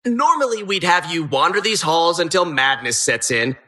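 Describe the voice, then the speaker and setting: Voicing a video game's menacing, sardonic dungeon host, the performer rolls out theatrical, falsely cheerful patter. The pitch is medium, the intonation lively, the pace normal and the tone pushed and bright.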